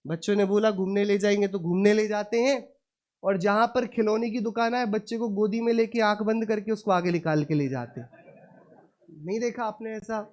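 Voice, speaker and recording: A man giving an afternoon Jain sermon, asking his listeners questions and calling them brother in a slow, emphatic, rhetorical way. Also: sits high, darkish tone. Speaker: Jain preacher.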